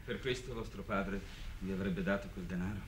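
Calm concerned friend, played by an actor, lowish voice, gentle, clear hiss of an old 1950s TV recording. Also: male voice, a little fast, lightly acted. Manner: gentle, reasoning. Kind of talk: 1950s television drama acting.

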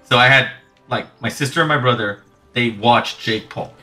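A man's voice: medium pitch, normal speed, soft background music. A young man hosting a let's play, chatting casually with lots of swearing and rambling asides. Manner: animated, profane, rambling. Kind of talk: casual gaming chat.

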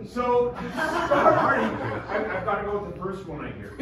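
Man host for improv night, chuckly, high voice, far off in an echoey club. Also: big pitch swings, a little slow, over a noisy crowd. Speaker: comedy show host. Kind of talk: improv comedy hosting. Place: small basement comedy club. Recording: roomy, distant stage audio, noisy.

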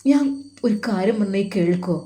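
A woman's voice: mid-range voice, expressive, moderate pace, close to an everyday voice. A woman voicing a young man who comforts and protects his close friend. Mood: earnest. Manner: gentle, comforting.

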